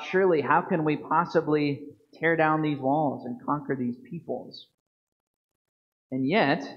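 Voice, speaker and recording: Priest in his thirties, measured homily at the lectern mic, slightly raised pitch, muffled church-stream sound. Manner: earnest, measured preaching with slow emphatic stresses. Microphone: fixed lectern microphone. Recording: dull lo-fi church video stream.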